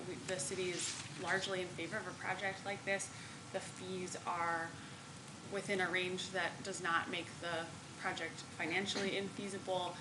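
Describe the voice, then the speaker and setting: A hoarse woman with a raspy, breaking voice gives a formal presentation as a project manager at a meeting. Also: lowish voice. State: losing her voice, hoarse, cutting in and out. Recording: echoey meeting room with clear noise.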